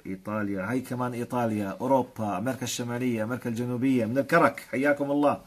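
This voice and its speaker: A man's voice: mid-range voice, steady tone, racing. A man from Jordan with a Jordanian accent, hosting a live stream and greeting viewers one by one with blessings and frequent chuckles. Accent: Jordanian Arabic. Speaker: host.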